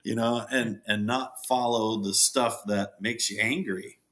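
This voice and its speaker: A middle-aged man, a farm owner, chatting as a podcast guest in a jokey, animated way and acting out quotes. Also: measured pace. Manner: jokey, animated, acts out quotes with big pitch jumps. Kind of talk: casual interview chat.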